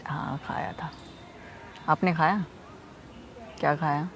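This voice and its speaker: A man's voice: a little high, fairly even intonation, slow, vocal fry, fairly bright tone, slight background noise. A young man hosting a prank vlog outdoors in a park, talking casually and rambling with lots of fillers. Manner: chatty, rambling with many fillers. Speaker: prank vlogger.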